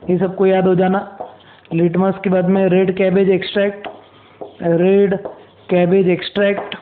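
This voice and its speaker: A high-voiced man lecturing students on chemistry. He repeats key terms, spells words out and asks rhetorical questions as he goes. The sound is thin and tinny, like a phone line. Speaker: chemistry teacher. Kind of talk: classroom lecture.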